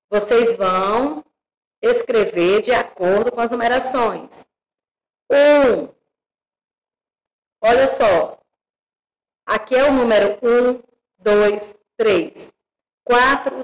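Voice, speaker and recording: A Brazilian woman teaching young children, spelling out syllables slowly and checking in with the class. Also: on the high side, low-quality recording. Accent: Brazilian Portuguese. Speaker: primary school teacher.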